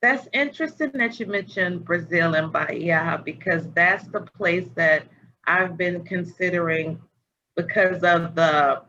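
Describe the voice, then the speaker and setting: A woman's voice: on the low side, measured pace, bright, forceful tone. A woman hosting a casual spiritual conversation over a video call, meandering and searching for words. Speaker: podcast host. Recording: dull lo-fi audio with faint noise.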